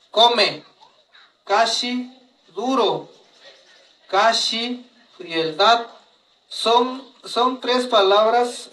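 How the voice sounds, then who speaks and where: A man giving a language lesson, spelling out words slowly, each followed by its translation. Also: high-pitched, fairly bright tone, echoey room, distant mic, low-quality recording. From Mexico. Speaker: teacher of Mixtec.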